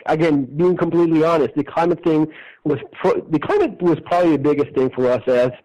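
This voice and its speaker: An Argentine man whose first language is Spanish is a guest in a casual radio interview conversation. His voice is a little high and the sound lo-fi. He comes across as thoughtful and halting, often restarting and laughing softly.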